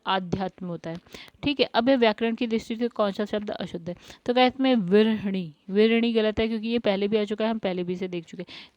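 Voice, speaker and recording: A woman's voice: mid-range voice, darkish tone, no echo. Woman tutor, patient step-by-step spelling walkthrough, dry dull lo-fi sound. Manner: explains step by step, repeats words, says "guys" often. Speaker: Hindi exam tutor.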